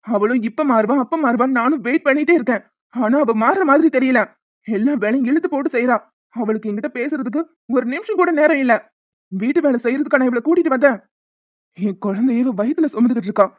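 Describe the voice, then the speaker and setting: A young cartoon husband, hurt and quick to anger, as a voice actor plays him. He talks with raw, bitter force and sinks into soft remorse. The sound is dry and lo-fi. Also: extremely high pitch, dry recording. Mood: angry. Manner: shouting, bitter, then softly pleading. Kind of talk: Tamil cartoon voice acting. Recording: dull lo-fi sound.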